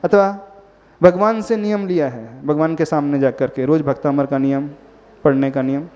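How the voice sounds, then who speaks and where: A man's voice: fairly high pitch, moderate pace, warm tone. A man, a Jain monk, giving a sermon and often asking the listeners questions. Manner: questions the listeners often and mixes in English words. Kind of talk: sermon to a gathered audience. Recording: long hall reverb, dull lo-fi sound.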